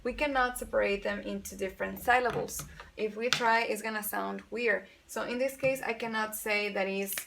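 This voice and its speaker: Gravelly-voiced woman teaching grammar. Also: a little high, a bit bright. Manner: patient, explains step by step, repeats examples; switches between Spanish and English. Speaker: English teacher. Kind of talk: bilingual grammar lesson.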